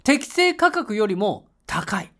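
Lively laughing man telling a travel story. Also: high voice, takes it slowly. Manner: lively, laughs often, bursts into loud English shouts when reenacting. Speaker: podcast host. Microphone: home mic voice message.

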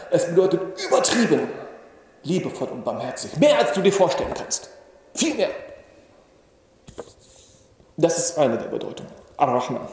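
A man with a slightly high voice gives a religious lecture. He explains patiently and asks his listeners questions. The recording rings with long reverb from a large hall. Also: darkish tone. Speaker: preacher.

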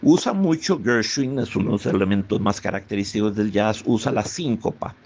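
A man's voice: fairly low pitch, animated, moderate pace, a little mellow, slight background noise. A man presenting music, counting out beats to show rhythm. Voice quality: gravelly, husky. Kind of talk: explanatory talk on music.

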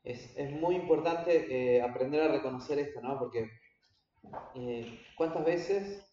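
A man pastor teaching his congregation in a halting way, with many fillers and repeated words. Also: medium pitch, warm tone. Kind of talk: church teaching talk. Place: church hall. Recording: echoey hall, distant, dull and slightly noisy.

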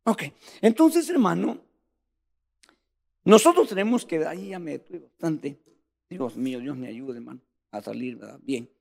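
A man's voice: a little high, lively intonation, moderate pace, creaky, long pauses, darkish tone, long reverb tail. A man preaching a sermon in a fervent, emphatic way, speaking straight to the congregation.

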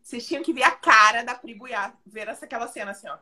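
A woman's voice: on the high side, fast. A woman, a makeup artist telling stories with dramatic flair in casual podcast chat. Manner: animated storyteller, dramatic and laughing.

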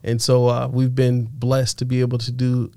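A man's voice: medium pitch, monotone, normal speed, dark tone, no room sound, clean studio sound. A man co-hosting a casual faith discussion, affirming his partner with short agreeing replies.

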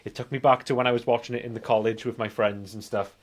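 A British man in his forties co-hosts a film review podcast, chatting casually in a rambling, nostalgic way. His voice is mid-range and flat, and he talks quickly.

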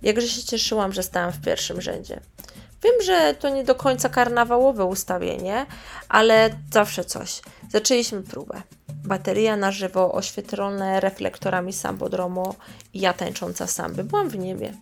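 Gravelly-voiced woman reading her memoir. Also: medium pitch, moderate pace, soft background music. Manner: chatty, sarcastic asides. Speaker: storyteller.

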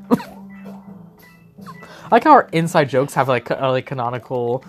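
Brief: young male gamer, lively sing-song pitch, giggly and rambling, faint game music behind. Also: slow pace. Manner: giggly, rambling silly riffs. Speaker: let's play co-host. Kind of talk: casual gaming chat. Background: video game music.

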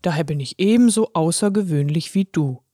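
A woman doing a deep-voiced kindly pen conductor. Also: fairly quick, dark tone, no echo, clean studio sound, lightly acted. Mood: encouraging. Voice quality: deep put-on voice. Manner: gruff but encouraging. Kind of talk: storybook reading.

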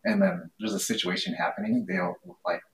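A man's voice: fairly high pitch, sing-song, a little fast, vocal fry, fairly bright tone. A man co-hosting a podcast, easygoing and joking in casual chat. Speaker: podcast co-host. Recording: distant mic with faint noise.

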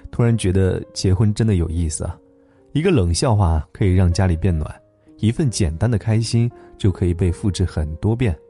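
A man hosting a late-night story program, narrating a gentle tale in a calm, tender way. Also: lowish voice, slightly rough. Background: soft instrumental music.

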